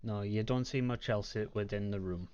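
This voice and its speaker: Guy running a tabletop game, halting careful narration, kinda lo-fi mic. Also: fairly low pitch, darkish tone. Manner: halting, measured descriptions. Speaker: game master.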